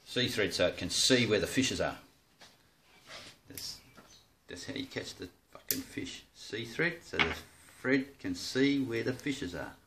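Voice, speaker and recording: This man's lowish, gravelly voice is bright and forceful, with lively intonation and a measured pace, plus a little hiss or hum. He's an Australian hobbyist rod builder rambling in his kitchen for a casual how-to video, joking and swearing freely as he shows his work.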